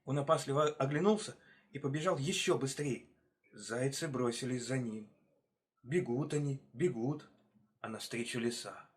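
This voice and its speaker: A male actor reading a folk tale aloud as a bedtime story, expressive and unhurried. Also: medium pitch.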